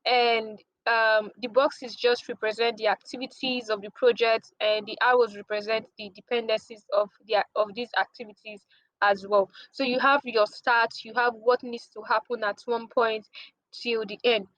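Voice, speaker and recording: A woman explaining project management in a relaxed, conversational lesson, often pausing with "um" and reaching for everyday examples. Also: fairly high pitch, dry recording, highs cut off. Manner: relaxed, with many ums and restarts, everyday examples.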